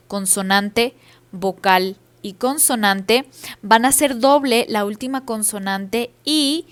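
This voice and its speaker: Slow, careful woman teacher. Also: medium pitch, smooth. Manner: explains each rule in English then repeats it in Spanish, with fillers. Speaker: English teacher. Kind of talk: bilingual grammar lesson over slides.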